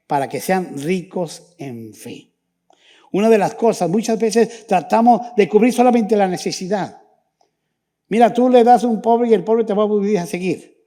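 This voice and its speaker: A man preaching a church sermon as pastor, then leading the congregation in fervent prayer. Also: high voice. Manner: fervent preaching, rising and dropping to hushed prayer.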